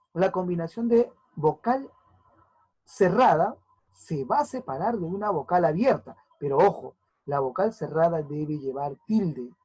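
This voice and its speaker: A woman's voice: low voice, mellow, breathy edge. A woman teacher giving a recorded grammar lesson, sounding words out syllable by syllable and often checking that her students follow. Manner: spells out syllables slowly, often checking understanding.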